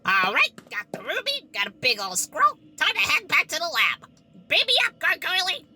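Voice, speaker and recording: A woman's voice: very high voice, huge pitch swings, normal speed, bright, forceful tone, a little hiss or hum, full character voice. A woman playing a flippant young woman adventurer who talks in a casual, slangy, wisecracking way. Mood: upbeat.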